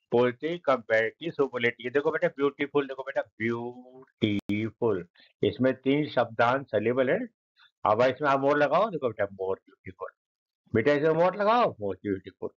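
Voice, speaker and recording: A man teaching a grammar lesson, who keeps calling his students "beta" and repeats and spells out each word slowly. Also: on the high side, lo-fi sound.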